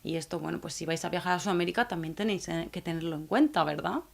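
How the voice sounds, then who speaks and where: A woman from teaching Spanish to learners, speaking slowly and clearly and often checking in with the viewers. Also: on the low side. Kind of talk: scripted video lesson for learners.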